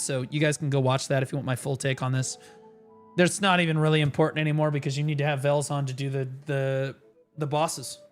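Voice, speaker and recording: A man on a livestream headset mic, ranting sarcastically and swearing through casual game commentary. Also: a little high. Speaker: livestream gamer.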